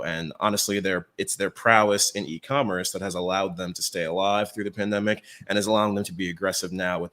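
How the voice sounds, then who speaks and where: A man with a low, slightly bright voice co-hosts a talk on retail trends. His presentation is casual and chatty, and he often checks in with the listener.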